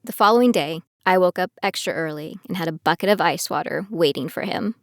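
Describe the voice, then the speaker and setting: In an audio drama, a woman narrates as its lead, a determined young female trainee reflecting on her own story in scripted first person. Her fairly low, natural voice is brisk, delivered in a studio over prominent music with a noisy background.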